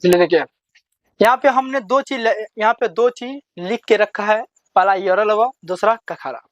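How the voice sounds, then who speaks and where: A high-voiced man teaches children to read, heard in a muffled recording with no room sound. Speaking slowly and repetitively, he drills letters in call-and-response fashion, asking a question and then answering it himself.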